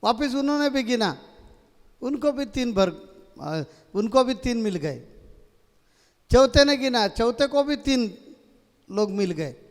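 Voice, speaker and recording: A high-voiced man delivers a spiritual discourse, unhurried and halting, often repeating himself as he tells a parable. His voice rings with a long hall reverb. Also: very animated. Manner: slow, halting, repetitive storytelling. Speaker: spiritual storyteller.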